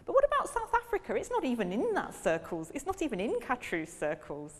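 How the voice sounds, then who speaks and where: A woman professor with a slightly high voice and wildly swooping pitch talks a little fast in a public lecture on language teaching. She keeps asking the audience questions, and the lecture hall's long reverb colors the sound.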